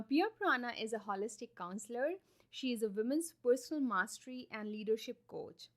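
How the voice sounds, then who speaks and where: A woman hosting a podcast interview, who introduces her guest and prompts her with encouraging, affirming remarks. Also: a little high. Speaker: podcast host.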